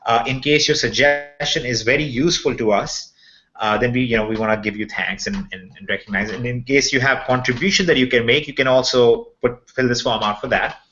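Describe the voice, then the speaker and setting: Bright-voiced man presenting on a video call. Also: mid-range voice, fairly quick. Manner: on a video call, explaining to viewers step by step; checks in often with "okay". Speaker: presenter of a members' update webinar. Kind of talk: informal screen-share walkthrough. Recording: muffled, lo-fi video call audio.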